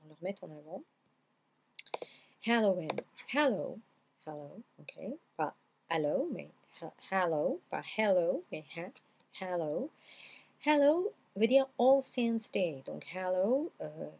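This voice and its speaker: Husky-voiced woman teaching pronunciation. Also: lowish voice, darkish tone. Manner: explains step by step, repeats words slowly and checks with "d'accord?". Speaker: English teacher. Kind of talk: vocabulary and pronunciation lesson.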